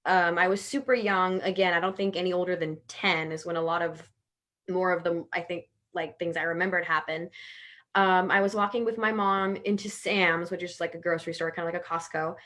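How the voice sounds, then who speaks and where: A woman's voice: lowish voice, fairly even intonation, brisk, a bit bright. A young woman from Houston, a panel guest sharing a personal story in a reflective way, full of fillers like "like.". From Houston, Texas. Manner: reflective, filler-heavy with frequent "like". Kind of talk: personal testimony in conversation.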